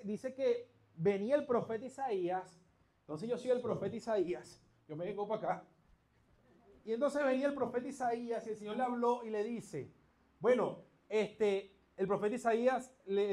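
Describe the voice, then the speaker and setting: A male preacher giving a lively sermon in church, acting out a story with humor. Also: high voice. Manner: lively, playful storytelling with jokes.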